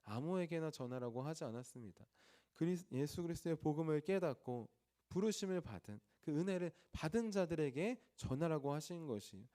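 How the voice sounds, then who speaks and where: Dark-voiced Korean man preaching. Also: a little high, lively intonation, a little fast. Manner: asks the congregation questions and answers them himself. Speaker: pastor. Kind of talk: early morning sermon. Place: church.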